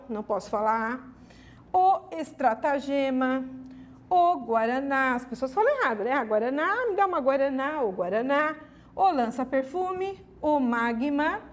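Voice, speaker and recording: A woman with a high voice and a Brazilian accent runs an exam-prep grammar lesson. She talks in a lively, emphatic way and asks herself her students' questions before answering them. She often checks in with quick tags like "ok?". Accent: Brazilian Portuguese. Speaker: teacher.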